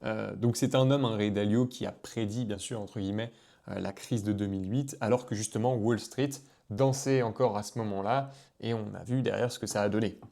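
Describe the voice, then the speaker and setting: A man's voice: on the low side, fairly quick, vocal fry, mellow. A man explaining investing in a casual video, talking freely with many fillers and restarts. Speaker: finance content creator.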